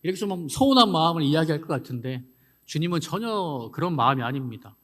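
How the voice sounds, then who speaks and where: A male pastor preaches with animated energy, asking the congregation questions and acting out scripture scenes. His voice sits a little high for a man. It carries through the long reverb of a church sanctuary. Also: fast. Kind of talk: sermon.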